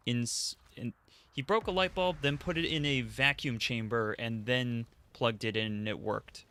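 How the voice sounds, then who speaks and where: A man's voice: mid-range voice, bright, forceful tone, clear, resonant tone. A man streaming a game, rambling playfully as he plays and answers chat. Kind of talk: casual gameplay commentary.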